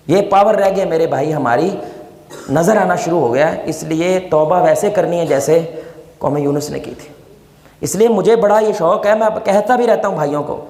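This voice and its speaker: A man preaching a sermon, impassioned, swinging from loud, high appeals to low, hushed prayer and calling listeners his brothers. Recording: echoey hall with long reverb.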